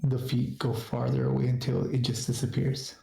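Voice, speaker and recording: A man runs a tabletop game as game master in a mellow, creaky voice. He narrates haltingly in an echoing room. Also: mid-range voice, little pitch movement. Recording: roomy echo, faint music behind.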